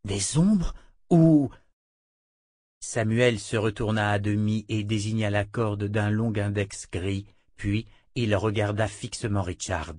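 A man narrating an audiobook in a measured, dramatic reading. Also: fairly low pitch, darkish tone, no echo, clean studio sound.

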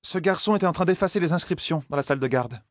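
Male narrator as a scornful woman sorceress, high and sneering. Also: fast talker, no echo, clean studio sound, natural voice.

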